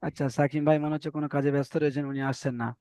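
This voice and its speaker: A man's voice: fairly high pitch, flat delivery, racing, a little mellow, clean tone, no echo. A man teaching Arabic letter reading in an online class, patiently repeating each point and checking that students follow.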